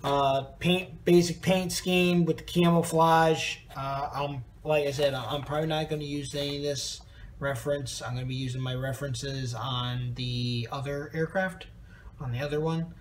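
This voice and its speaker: A man's voice: a little high, fairly even intonation, normal speed, a little hiss or hum. A tired man giving a rambling, casual review of a plastic model kit, with lots of ums and uhs.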